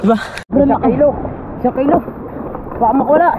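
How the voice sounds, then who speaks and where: A man vlogging outdoors while swimming in a river, out of breath, laughing and shouting excitedly. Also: very high-pitched, fast talker, phone-quality sound. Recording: noisy outdoor recording by water. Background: splashing water.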